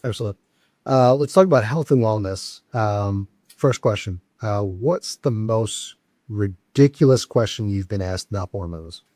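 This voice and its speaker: Relaxed male podcast host. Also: on the low side, dry recording, studio quality. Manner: relaxed, asks quick questions with fillers. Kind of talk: casual interview.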